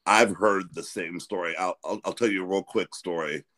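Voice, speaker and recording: A man's voice: low voice, moderate pace, a bit bright. A man, hosting a podcast in casual, rambling chat full of restarts. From Pennsylvania. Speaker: podcast host.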